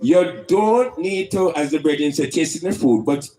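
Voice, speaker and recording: A man's voice: a little high, animated, moderate pace, warm tone, rough recording. A man with a Jamaican accent speaking in Rastafarian style, preaching and teaching emphatically with rhetorical questions and Rastafari idioms.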